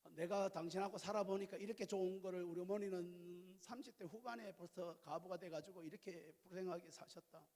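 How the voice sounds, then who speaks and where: A woman's voice: lowish voice, fairly even intonation, a little fast, hardly any pauses, warm tone, close to an everyday voice. A man quoting his middle-aged wife in a sermon, his voice barely changed, earnest and plainspoken. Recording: reverberant church hall.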